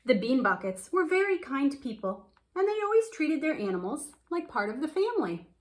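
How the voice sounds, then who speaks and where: A woman reads a picture book aloud for children, telling the story expressively and drawing out words for emphasis. Her voice sits high and sing-song, at a normal speed.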